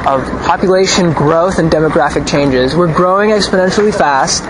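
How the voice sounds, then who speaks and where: A young man with a slightly higher voice, from Ukraine and raised in Los Angeles, gives casual opinions at a moderate pace as a student in a street interview. He rambles loosely with lots of fillers and restarts. The outdoor recording is noisy, with loud traffic behind him.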